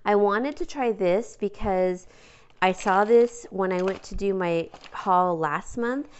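A woman's voice: medium pitch, takes it slowly, clean tone, dull audio. A woman chatting casually at home while showing a grocery haul, rambling with fillers and small laughs. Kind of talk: casual chat. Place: home kitchen counter, indoors.

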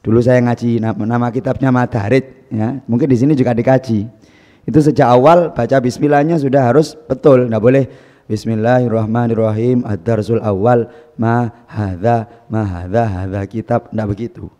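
A man teaching Quran recitation, explaining patiently and reciting Arabic verses slowly with stress. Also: mid-range voice, fairly even intonation, warm tone, in a large hall. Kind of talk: instructional talk with recitation demos. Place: pesantren hall.

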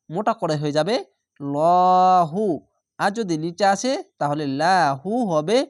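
A man's voice: fairly high pitch, dry recording, clean studio sound. Methodical man spelling out a recitation lesson. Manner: methodical, spells syllables then draws out recited words. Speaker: Quran reading teacher.

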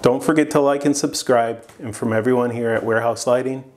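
A man in his forties walks through a product demonstration in a plain studio. He explains in a plain, unhurried way, with an occasional um or uh between points. His voice sits at a middling pitch for a man. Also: fairly even intonation, darkish tone. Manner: plain, unhurried explaining with some filler pauses. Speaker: product presenter. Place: studio with plain backdrop, indoors.

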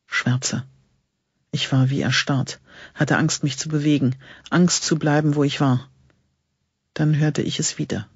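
A man reads an audiobook with steady, suspenseful narration. His voice is husky and somewhat high. The recording is dry and a little dull and lo-fi. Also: normal speed, dry recording. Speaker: audiobook reader. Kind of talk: scripted narration.

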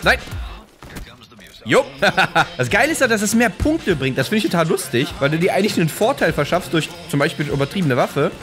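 A man in his twenties giving casual gameplay commentary on a close studio microphone, excitable and joking, often exclaiming as he plays. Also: high-pitched, fairly quick, faint music behind. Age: 20s. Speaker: gaming YouTuber. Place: indoor room at home, on a couch. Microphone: close studio condenser microphone with pop filter.

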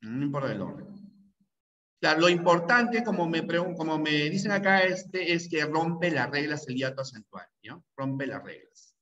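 With a fairly high, slightly bright voice that swings widely in pitch, a Peruvian language teacher at the pre-university level lectures at normal speed. He drills his students, repeating key rules again and again and often checking that they follow. It's recorded in an echoey room on a distant mic with dull sound.

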